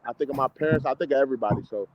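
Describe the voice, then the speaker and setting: Racing through his words, a medium-pitched American amateur boxer in his mid-twenties, from the DMV area, chats casually in an interview. His phrasing is slangy, confident, emphatic and repetitive. The recording has its high frequencies cut off.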